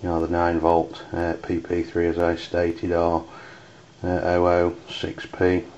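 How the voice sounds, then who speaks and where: The clip features an English reviewer of amateur radio gear, talking without a script in a low, monotonous voice. He hesitates and halts often, and the UK-recorded audio is muffled, lo-fi, and noisy in the background.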